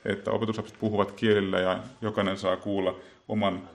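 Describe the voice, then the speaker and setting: A man giving an unscripted Bible talk, speaking haltingly and filling pauses with many small filler words and restarts. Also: on the low side, little pitch movement. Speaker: Bible teacher.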